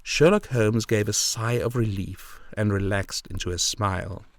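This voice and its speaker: A man narrating a classic novel as an audiobook, with an expressive reading. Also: lowish voice, measured pace, dry recording, clean studio sound. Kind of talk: scripted narration.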